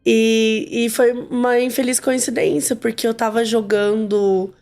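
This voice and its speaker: A woman's voice: a little high, a little slow, soft background music. A Brazilian woman hosting a podcast, chatting casually and telling stories with acted-out quotes. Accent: Brazilian Portuguese. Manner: animated storyteller, acts out quotes. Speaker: podcast host. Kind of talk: casual chat.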